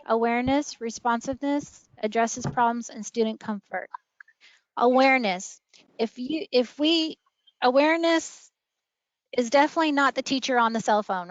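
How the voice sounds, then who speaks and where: A woman's voice: a little high, dry recording. Friendly woman leading a lesson. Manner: friendly, explains with classroom examples. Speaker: early learning trainer. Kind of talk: online training session. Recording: dull dry lo-fi audio.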